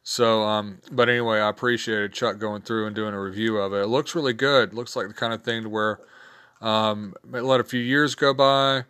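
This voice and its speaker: A man hosting a casual solo podcast, sounding weary and worn down, talking in an informal, halting, rambling way. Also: fairly low pitch, steady tone, fairly bright tone, clean tone. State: weary, worn down from a sore back. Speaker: podcast host.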